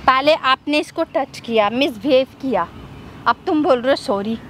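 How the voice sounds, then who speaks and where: Woman, very high voice, commanding, street confrontation, clear traffic noise. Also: expressive, normal speed. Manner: forceful, commanding, insistent. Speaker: passer-by. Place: city street outdoors. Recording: loud street noise behind.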